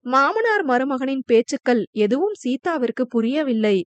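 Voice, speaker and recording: A woman's voice: high voice, big pitch swings, moderate pace, no echo. A woman narrating a romantic novel as an audiobook, telling the story steadily and expressively.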